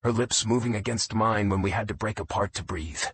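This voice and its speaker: A man narrating a romance audiobook in a low, intimate first-person reading. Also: a little fast, a bit bright, a little hiss or hum.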